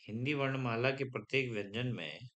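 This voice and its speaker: In a muffled recording, a man with a medium-pitched, fairly bright voice teaches grammar to a class. He dictates notes at a slow pace, goes over each point repeatedly, and often halts to confirm the students are keeping up.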